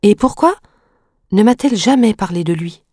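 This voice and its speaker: A woman's voice: medium pitch, expressive, fairly quick, dark tone, no echo, clean studio sound, natural voice. A woman reading aloud voices a sickly, frightened young boy who pleads and resists in plaintive questions.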